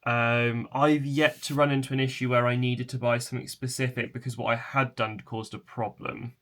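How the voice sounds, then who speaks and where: A man presenting a casual hands-on tutorial in an informal, tentative, explanatory way, with a chair creaking. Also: mid-range voice, flat delivery, normal speed, a bit bright. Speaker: video presenter.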